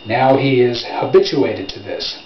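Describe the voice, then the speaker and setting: A man's voice: medium pitch, a little slow, a little hiss or hum, lightly acted. A man reading as a patient scientist father. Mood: explaining. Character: dry, patient scientist father grilling burgers. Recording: roomy, dull lo-fi home recording.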